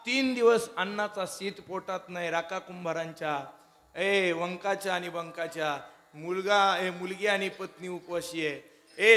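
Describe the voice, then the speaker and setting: A man preaching a devotional kirtan sermon, loud and emphatic, joking and calling out to the audience. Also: sits high.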